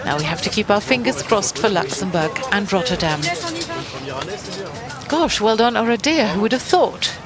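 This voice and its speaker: A woman's voice: medium pitch, expressive, normal speed, music in the background. A woman giving live sports commentary in an encouraging, exclaiming way, often repeating her phrases. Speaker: live event commentator, also relaying a translator's words.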